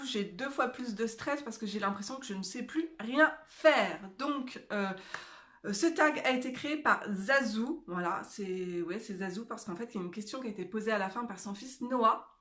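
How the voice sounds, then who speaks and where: A woman's voice: mid-range voice, sharp tone. A woman, around her thirties, chatting casually as she colors, hesitant, with many fillers and restarts, cheerful and laughing easily. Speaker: coloring book YouTuber. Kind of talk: casual chat while coloring.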